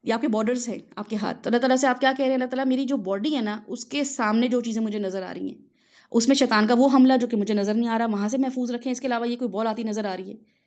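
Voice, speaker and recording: A woman's voice: on the high side, a little mellow. A woman who is a mother gives a conversational religious lesson, explaining patiently with everyday examples and often checking in with her listeners. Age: adult mother of children. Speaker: religious teacher.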